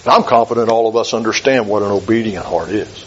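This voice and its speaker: A man preaching a sermon in a measured, emphatic way, repeating key phrases for weight. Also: lowish voice, slight background noise. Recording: dull lo-fi recording.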